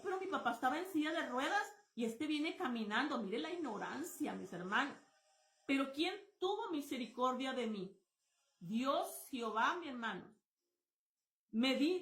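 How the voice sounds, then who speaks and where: A woman's voice: high voice, a bit bright, echoey room. A woman giving a spontaneous testimony sermon, exclamatory and repetitive, often calling her listeners brothers. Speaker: preacher sharing testimony.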